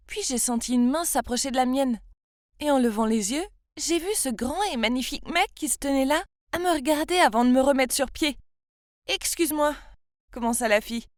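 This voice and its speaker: A woman in her twenties from France, telling her own story as scripted first-person narration in an expressive, confiding way. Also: fairly high pitch, no room sound, studio quality. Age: 20s.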